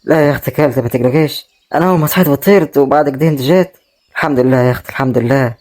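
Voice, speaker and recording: A man's voice: mid-range voice, rapid-fire, darkish tone, close to an everyday voice. A man playing a proud Egyptian brother who shrugs off worry. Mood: reassuring. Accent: Egyptian Arabic. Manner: reassuring, brushes off worry. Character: kind, proud brother left poor and homeless. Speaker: actor in a web drama.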